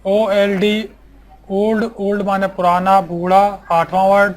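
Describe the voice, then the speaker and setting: High-pitched man teaching slow, kinda monotone, spelling words out one letter at a time, repeating everything. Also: slight background noise. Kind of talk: slow English vocabulary lesson.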